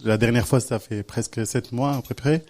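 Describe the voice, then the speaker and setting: A man's voice: mid-range voice, fairly even intonation, moderate pace, a little mellow. Guest man, short reserved answers in casual chat.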